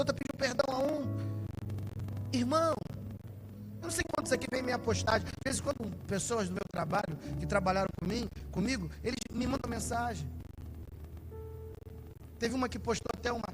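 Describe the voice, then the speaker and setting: A man preaching as a pastor, telling stories to his congregation and rising into shouted peaks. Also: very high-pitched, a little fast, long pauses, over music, poor audio. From Brazil. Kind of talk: sermon.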